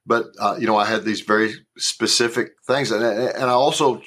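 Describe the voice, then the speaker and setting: This actor guest, a man in his 60s with a Southern US accent, chats informally in an interview with frequent word repetitions and restarts. He speaks at normal speed in a lowish, somewhat bright voice with fairly even intonation.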